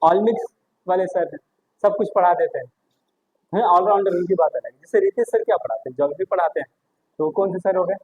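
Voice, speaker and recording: A man's voice: sits high, fast talker, a little mellow, dull audio, slight background noise. A male teacher giving a classroom history lesson, chatty and joking as he quizzes students. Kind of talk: classroom lecture.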